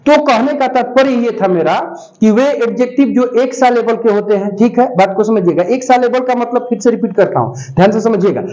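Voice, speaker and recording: A man teaching an English grammar class, who repeats key points, asks students check questions and dictates notes slowly. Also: extremely high pitch, expressive, a little mellow. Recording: dull lo-fi sound.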